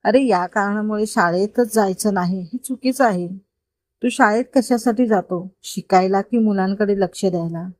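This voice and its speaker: A woman's voice: mid-range voice, normal speed, dry recording, studio quality, natural voice. A woman voicing a kind, confident grown man who patiently coaxes a boy, in a read-aloud story. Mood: kind, coaxing. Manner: patient, gently persuasive explaining.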